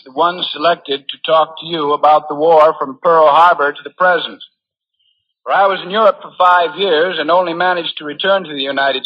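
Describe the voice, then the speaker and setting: Fairly high-pitched and slightly rough, this American man gives an earnest, formal prepared speech as a war correspondent on a 1940s radio broadcast. The recording is muffled and lo-fi, typical of 1940s radio.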